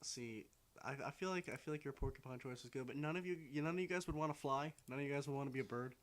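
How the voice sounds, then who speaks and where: A man's voice: mid-range voice, quick pace. A young man co-hosting a casual podcast, joking around and laughing often. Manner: jokey, laughs often, animated. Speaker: podcast co-host. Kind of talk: casual chat.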